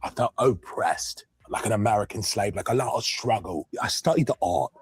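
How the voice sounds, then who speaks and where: A man's voice: lowish voice, normal speed, close to an everyday voice. A man acting a self-important British actor with a put-on Manchester accent in a comedy skit, cheeky and breezy. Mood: smug. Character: pompous male British actor in a parody skit.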